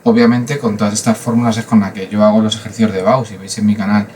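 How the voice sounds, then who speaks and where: A man from Spain talks through a math lesson in a casual, chatty way, pausing on fillers and wandering into asides. His voice sits fairly low. A faint hiss runs under the recording. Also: flat delivery, darkish tone. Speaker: math teacher.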